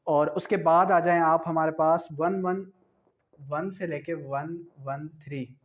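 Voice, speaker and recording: A man whose voice sits a little high speaks slowly in a steady tone, giving an explanatory law lecture with a Pakistani accent. He teaches by posing and answering his own questions and shifts between Urdu and English terms; the recording is dull lo-fi lecture audio.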